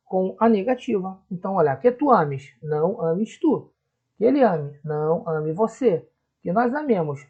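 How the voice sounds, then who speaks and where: A man with a Rio de Janeiro accent teaching Portuguese grammar in a video lesson, patiently repeating the verb forms and checking in with the viewer. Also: sits high. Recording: husky voice, dull lo-fi sound.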